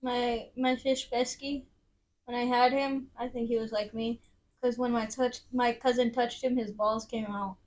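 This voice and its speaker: A young woman co-hosting a podcast in casual chat, giggly and teasing, often breaking into loud laughter. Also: fairly high pitch, little pitch movement, measured pace. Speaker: podcast co-host.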